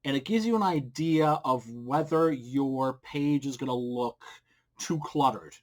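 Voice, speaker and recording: Sitting at home in a small room, a middle-aged comic book creator gives advice to camera in a casual vlog, speaking close to a desk mic with a pop filter. His voice is ordinary in pitch and a little slow, and he is blunt and informal with crude humor.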